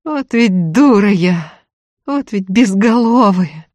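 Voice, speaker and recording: A woman's voice: medium pitch, lively intonation, slow, a little mellow, dry recording, pitched above the performer's own voice. A woman voicing a tearful, self-blaming young peasant woman who talks in plaintive, folksy village speech. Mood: sobbing, self-reproach.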